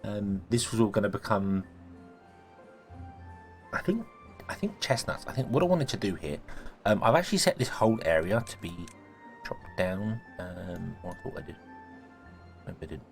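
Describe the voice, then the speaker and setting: Playing a city-building game, a deep-voiced gaming host rambles and thinks aloud at a moderate pace, with lively intonation, long pauses and frequent self-corrections. His cold makes him sound croaky and sneezy, while quiet music runs faintly underneath in this casual let's-play.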